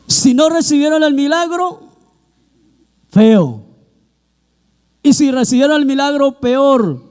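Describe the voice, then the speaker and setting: A man's voice: extremely high pitch, lively intonation, slow, darkish tone. A man preaching a sermon, acting out quoted voices as he talks. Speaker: pastor.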